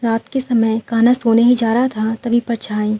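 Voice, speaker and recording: Woman narrating a short story, calm and plain, mellow voice. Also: fairly high pitch, normal speed, breathy edge.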